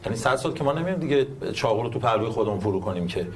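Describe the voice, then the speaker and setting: A man, an actor who is a guest on the show, answering questions in a halting, hesitant way. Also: mid-range voice, expressive, crowd noise. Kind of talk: conversational interview answers.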